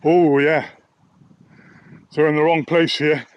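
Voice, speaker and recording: A man's voice: on the high side, level tone, measured pace, clear, resonant tone, highs cut off. Rambling man outdoors. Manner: rambling, candid, downbeat. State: out of breath from walking. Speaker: sound therapist vlogger. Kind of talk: walk-and-talk vlog. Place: outdoors on a nature reserve. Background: faint outdoor ambience.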